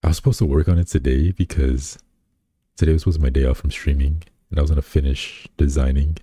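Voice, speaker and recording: A man with an extremely low, warm voice streams as a VTuber, chatting casually and reading his chat aloud at a fast pace with fairly even intonation. Recorded on a close desk mic at home with slight background noise, he rambles and teases himself, full of fillers and restarts.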